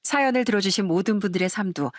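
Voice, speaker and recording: A woman reading a first-person life story in a calm, earnest scripted narration. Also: medium pitch, quick pace, no room sound, clean studio sound.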